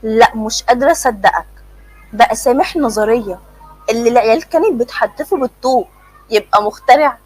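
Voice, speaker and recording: A frightened young woman who pleads and mocks by turns, voiced by a woman storyteller. The voice is high and husky. The sound is dry and close. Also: fairly quick, no echo, soft background music, rough recording. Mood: mocking. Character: scared young woman, pleading and sharp-tongued.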